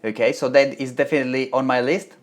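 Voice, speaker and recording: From his home office in Melbourne, a Czech-accented man from the Czech Republic hosts a live stream Q&A, chatting through viewer questions about web development tutorials. He reads chat aloud and often restarts his sentences, speaking quickly in a medium, fairly even voice with faint music behind.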